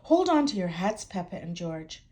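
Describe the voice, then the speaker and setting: An older woman voicing a caring, practical mother pig in a children's storybook, in a gentle, instructive way. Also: fairly low pitch, big pitch swings, normal speed. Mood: cautioning.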